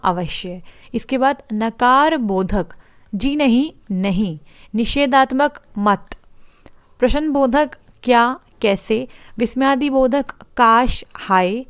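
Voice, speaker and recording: Recorded dry, this woman speaks with a fairly high pitch while she leads a Hindi grammar lesson aimed at exams. Her style is explanatory: step-by-step walkthroughs, repeated points, and rhetorical questions.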